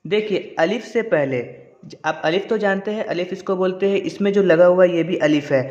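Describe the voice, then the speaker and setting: Man, patient reading teacher, stretches syllables slowly, slightly high voice, dull lo-fi recording. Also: darkish tone. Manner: drawls syllables slowly when demonstrating, brisk when explaining. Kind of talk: patient step-by-step lesson.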